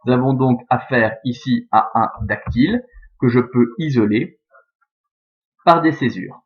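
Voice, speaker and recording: A man's voice: medium pitch, unhurried. A male teacher talks through a recorded lesson on Latin verse, patient and methodical as he takes each step in turn. His voice sits in an ordinary middle register. The recording is dull and lo-fi. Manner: methodical, explains step by step with fillers like "hein" and "euh". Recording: dull, lo-fi sound.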